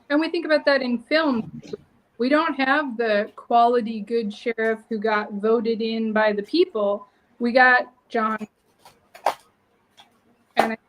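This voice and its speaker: A woman's voice: fairly high pitch, rough recording. A woman chatting as a guest on a live stream, her audio dropping out and clipping over a wireless mic. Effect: audio cutting out over a wireless mic on a live stream. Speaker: guest on a livestream. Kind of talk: casual chat. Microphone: wireless mic on a call.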